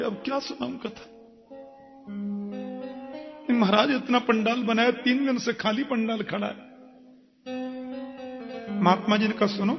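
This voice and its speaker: A male preacher giving a devotional katha sermon, telling stories slowly and chanting Sanskrit verses in a sung tone. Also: very high voice, gravelly. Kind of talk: Bhagwat katha sermon with storytelling. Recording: dull sound with long hall reverb and faint music.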